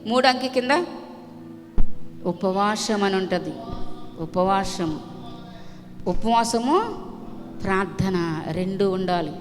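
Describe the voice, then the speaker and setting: A woman's voice: medium pitch, long reverb tail. A woman preaching a sermon, retelling a Bible story with emphatic repetition and frequent cries of hallelujah. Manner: emphatic, repeats phrases, exclaims hallelujah.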